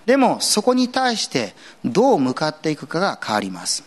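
A man delivers a sermon with the warmth of casual conversation, slipping in everyday asides. His voice sits a little high and swings widely in pitch as he presses his points home. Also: moderate pace. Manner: earnest, conversational preaching with lively swings in pitch. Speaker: pastor.

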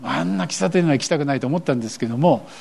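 A man's voice: fairly high pitch, lively intonation, rapid-fire, vocal fry, a little mellow, slightly rough. An older man preaching a sermon as pastor, asking his congregation questions and acting out the voices he quotes.

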